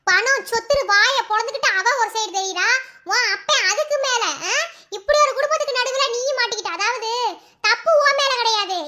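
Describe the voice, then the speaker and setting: A fierce cartoon sister-in-law lectures sharply in a Madurai Tamil accent. Her voice is very high and bright, and she talks fast. She scolds without pause. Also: full character voice.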